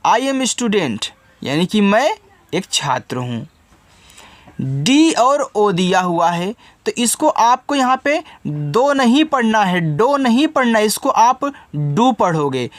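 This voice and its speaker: A man's voice: sits high, no echo. A man with a Hindi accent teaching English word by word, patient and repetitive, often asking a question and then answering it himself. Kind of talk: spoken lesson explaining word by word.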